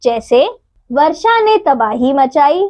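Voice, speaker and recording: A woman teaching a grammar lesson to children, reading out examples slowly and clearly. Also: high-pitched, big pitch swings, a little mellow, muffled recording.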